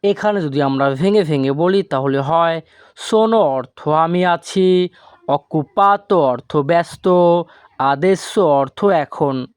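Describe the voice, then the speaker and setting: A man teaching a language lesson from a script, slowly and deliberately, drawing out each foreign word. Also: a little high, clear, resonant tone, dry recording, studio quality. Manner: slow and deliberate, stretches out foreign words.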